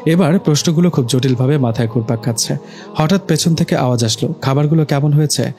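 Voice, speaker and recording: A man narrating a romantic story in a calm, steady storytelling manner. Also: on the high side, fast. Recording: narration over faint music.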